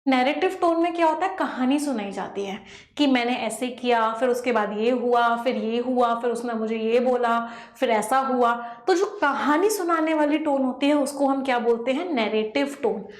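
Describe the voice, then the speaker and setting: A woman teaching an exam-prep lesson in a lively way, asking the class rhetorical questions. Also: on the high side, normal speed, echoey room. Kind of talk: online lesson.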